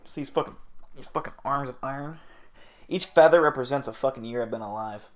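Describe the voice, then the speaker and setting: A man's voice: mid-range voice, brisk. A man hosting a casual livestream, rambling, swearing and joking with his chat. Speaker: livestream host.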